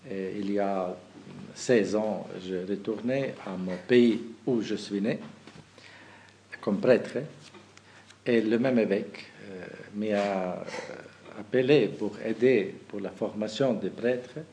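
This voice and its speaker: A bishop from Kazakhstan speaks to the faithful, slowly and haltingly, in a language that is not his first. He restarts his sentences often and fills the gaps with little hesitations. A faint hiss of noise sits under his voice. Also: lowish voice, dark tone. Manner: halting, many restarts and fillers, laughs at own anecdotes. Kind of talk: talk to the faithful.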